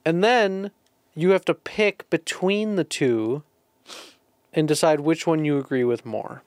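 A man's voice: fairly high pitch, measured pace, no echo. A man co-hosting a casual podcast, running the game and teasing the others skeptically. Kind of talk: casual chat.

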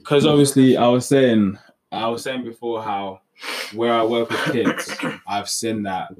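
A man's voice: mid-range voice, steady tone, a little slow, darkish tone. A young man with a London roadman accent, talking casually and meanderingly in slang. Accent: London, urban street slang. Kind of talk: casual group chat. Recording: distant mic with background noise.

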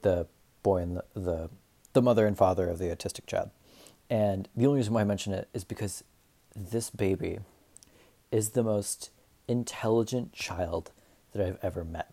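Rambling, profane young man with a low voice. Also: warm tone. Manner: rambling, profane, self-deprecating. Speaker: podcast host. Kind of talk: casual solo monologue.

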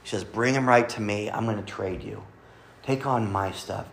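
A man preaching a Sunday sermon to a congregation, earnestly quoting scripture and often dropping to a soft, quiet delivery. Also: on the low side, moderate pace, vocal fry, slight background noise. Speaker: pastor. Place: church service with congregation.

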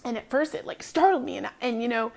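This thirties-aged woman hosts her own podcast and talks casually and personally, in an earnest, confessional way full of ums. Her voice is a little high and darkish in tone, and she speaks fast.

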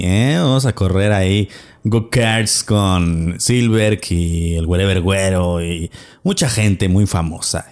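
A man hosting a podcast like a playful ringmaster, announcing theatrically to his audience and chatting jokingly. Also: medium pitch. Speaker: podcast host. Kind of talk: casual, joking podcast chat.

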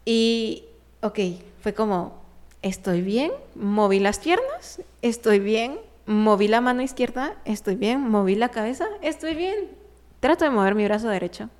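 Smooth-voiced woman telling a story. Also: on the high side, moderate pace. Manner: animated, laughing as she tells it, with many fillers. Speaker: guest telling a personal story. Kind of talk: casual conversational storytelling.

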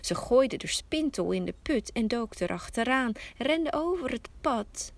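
Woman, storyteller, slow soft delivery, slightly high voice. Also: lively intonation, dry recording. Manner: slow, soft storytelling, often near a whisper. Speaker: podcast host and storyteller. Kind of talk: fairy tale narration.

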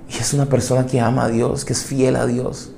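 Male pastor, mellow gravelly voice, fervent sermon delivery, hushed pleas rising to loud peaks, direct questions to the congregation. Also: mid-range voice, flat delivery, a little fast, slight background noise. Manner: fervent preaching, swinging between hushed pleas and loud climaxes; asks the listener direct questions.

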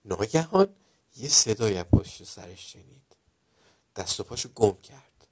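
A man narrating a children's story dramatically, dropping to a hush at some moments and getting loud at others. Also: lowish voice, big pitch swings. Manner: dramatic, loudness swinging from hushed to loud.

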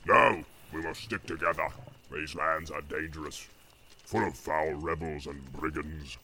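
A man's voice: extremely low pitch, fairly even intonation, bright, forceful tone, a little hiss or hum, pitched below the performer's own voice, exaggerated voice. Ugluk, a man growling as a domineering orc captain. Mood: commanding. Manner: growling, slow and commanding.

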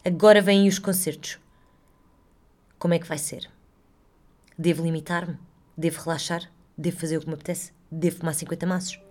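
A woman's voice: deep voice, little pitch movement, fairly quick, pauses often, a little mellow. A woman with a European Portuguese accent hosting a casual solo podcast, rambling and chatty, swearing freely and poking fun at herself. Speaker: podcast host.

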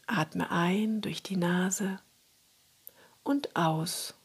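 A woman leads a guided relaxation in a soft spa whisper. Her voice is very breathy and husky, with some creak at the edges. She gives each instruction slowly and soothingly, leaving room to breathe. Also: lowish voice.

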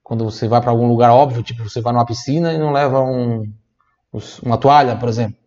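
Guy teaching a language lesson, says phrases slow then explains quick, kinda dull lo-fi sound. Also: mid-range voice, fairly even intonation, a little mellow.

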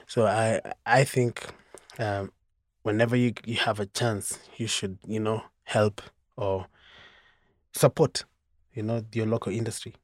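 A man's voice: on the low side, little pitch movement, measured pace, no echo. Man giving a thoughtful interview answer. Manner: thoughtful, with many fillers. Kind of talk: casual interview.

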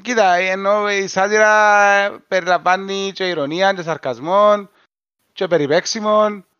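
A man with a Cypriot Greek accent, co-hosting a podcast in a measured, explanatory casual discussion. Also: high-pitched, fairly even intonation, pushed and bright, clear, resonant tone, no room sound, highs cut off. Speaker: podcast co-host.

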